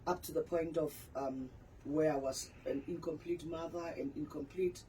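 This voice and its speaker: A woman's voice: low voice, fairly even intonation, moderate pace, dark tone, a little hiss or hum, rough recording. A woman in her forties, a pastor and author, candidly telling her personal story in a radio interview. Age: 40s.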